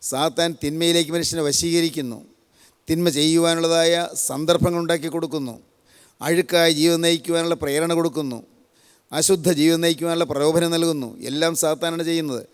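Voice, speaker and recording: Solemn older preacher in echoing hall. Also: male voice, a little high, fairly even intonation, fairly quick, clean tone. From Kerala, India. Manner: solemn, repetitive, builds lists of parallel phrases. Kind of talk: sermon. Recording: long hall reverb.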